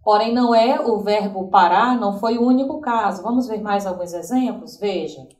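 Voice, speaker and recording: A woman teacher with a Brazilian Portuguese accent explaining grammar rules, repeating examples slowly and checking in with the class. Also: mid-range voice, a little mellow. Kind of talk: recorded grammar lesson. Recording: roomy, from a distance.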